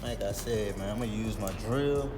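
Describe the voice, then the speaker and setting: A man's voice: fairly low pitch, moderate pace, noisy background. A man casually chatting in slang while working on his car outdoors, filmed on a phone camera. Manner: laid-back, slangy, chatty. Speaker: car vlogger. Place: outdoors beside a car in the cold.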